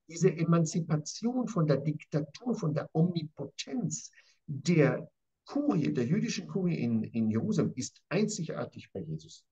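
A man's voice: on the high side, darkish tone, slightly rough, dull audio. A man lecturing as a professor on a Bible passage, emphatic and repetitive, often turning to his interviewer by name. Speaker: professor teaching scripture. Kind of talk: animated conversational Bible lesson.

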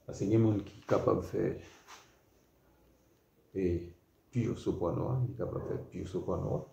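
Deep gravelly Haitian man teaching. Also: steady tone, normal speed, warm tone. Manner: repetitive, checks in with "ok?". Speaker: music teacher. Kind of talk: classroom lesson. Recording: roomy, dull lo-fi recording with faint noise.

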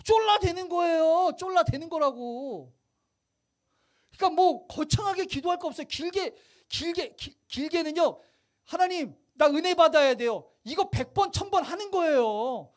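A male pastor giving a lively, conversational sermon in church, often putting rhetorical questions to the congregation. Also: very high voice, moderate pace. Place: church sanctuary.

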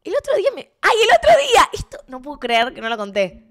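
Woman, young adult, Rioplatense Spanish accent, streamer, animated storyteller, lively swooping pitch, slightly high voice. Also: quick pace. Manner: animated storyteller, bursts of laughter and exclamations. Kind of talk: casual chat with viewers.

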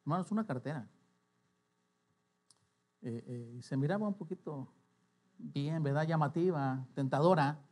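A man with a high voice preaches a church sermon. He tells stories and acts out the people in them, then builds into emphatic preaching. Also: moderate pace, pauses often, darkish tone. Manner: storytelling with quoted voices, rising to emphatic preaching. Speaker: pastor.

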